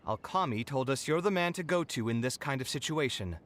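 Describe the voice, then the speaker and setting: A man's voice: mid-range voice, animated, brisk, a bit bright, close to an everyday voice. An actor playing an earnest, principled young male architect in a video game. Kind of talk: game voice acting.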